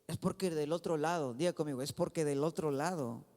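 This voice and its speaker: A man preaching a sermon in a church with a Mexican Spanish accent, dropping low and then shouting his exhortations. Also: fairly quick. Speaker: pastor. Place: church sanctuary. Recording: long hall reverb.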